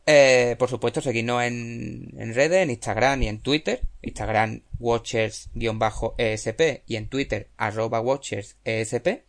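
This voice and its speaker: A man's voice: mid-range voice, measured pace, gravelly, few pauses. A man with a Spanish accent from Spain, hosting a casual podcast chat with friends in a laid-back, joking way and closing with show plugs. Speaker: podcast host.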